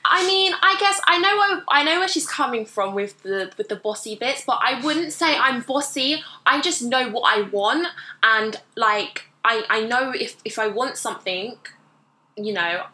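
A young woman hosts a casual podcast, chatty and teasing. Her voice is bright and a little high. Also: lively intonation, moderate pace. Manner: chatty, teasing, laughs often. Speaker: podcast host. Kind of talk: casual chat.

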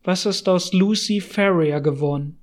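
A man's voice: high-pitched, a little slow. A man voicing a grim, vengeful young male hunter in an audiobook, speaking with intensity. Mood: intense.

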